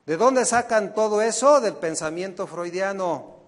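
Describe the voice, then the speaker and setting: A man preaching a sermon as pastor, firing questions at the congregation and swinging between loud emphatic peaks and quiet asides. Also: high voice, lively intonation, measured pace, big-room sound. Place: church.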